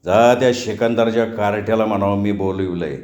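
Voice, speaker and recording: A man's voice: lowish voice, fairly quick, darkish tone, lightly acted. A harsh village landlord in a storybook, voiced by a man, commanding and threatening. His orders echo in a roomy space. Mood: menacing. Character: domineering rich older landlord, harsh tempered.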